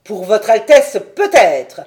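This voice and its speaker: A woman's voice: medium pitch, lively intonation, normal speed, mellow, lightly acted. A woman voicing a proud, defiant male rebel captain in a storybook reading, bold and haughty. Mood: scornful.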